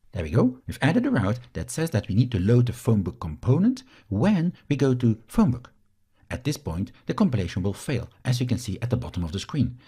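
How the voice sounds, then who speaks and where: A Belgian man whose native language is Dutch walks through every step as the instructor of a software screencast tutorial. His voice is mid-range and husky.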